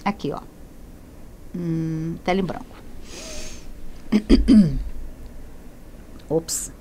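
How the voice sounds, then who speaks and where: A woman's voice: low-pitched, drawn-out words, a little hiss or hum. A woman teaching a Spanish lesson in Portuguese, who poses questions, answers them herself and corrects her slips as she goes. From Brazil. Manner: lively, repeats and self-corrects, asks and answers her own questions. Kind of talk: classroom lesson explaining grammar.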